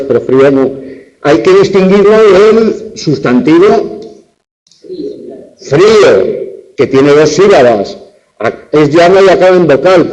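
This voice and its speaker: Slow, deliberate male lecturer. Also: fairly high pitch, darkish tone, rough recording. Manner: slow, deliberate, spells out words syllable by syllable. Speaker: university lecturer. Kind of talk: spelling and accent lecture. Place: classroom, lecture streamed online.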